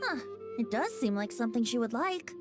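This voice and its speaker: A woman's voice: a little high, very animated, a little fast, loud music behind the voice. A woman voicing a breezy, teasing boyish young male bard in a video game, with a theatrical manner. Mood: light, friendly.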